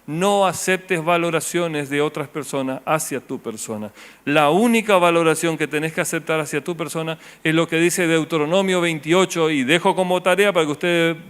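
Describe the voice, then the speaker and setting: Male pastor, Rioplatense accent, sermon delivery; higher-pitched, drops to soft low tones for emphasis. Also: moderate pace, clean tone. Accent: Rioplatense Spanish. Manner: rhetorical questions to the congregation, voice dropping low and soft on key words.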